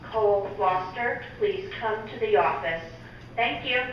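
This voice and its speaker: Lady on the school intercom calling a kid to the office, boomy far-off speaker, kinda dull. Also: a little slow, heavy reverb, slight background noise. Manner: polite, formal. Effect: school intercom loudspeaker. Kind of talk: public address announcement. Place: school hall or classroom.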